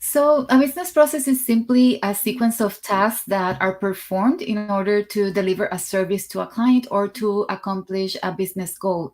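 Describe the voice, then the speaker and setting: A woman from Puerto Rico, a guest in an interview, explaining calmly and clearly. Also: mid-range voice.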